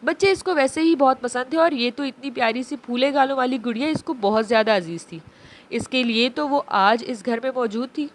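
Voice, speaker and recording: High-voiced woman reading a novel. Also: brisk. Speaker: narrator. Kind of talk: scripted novel narration.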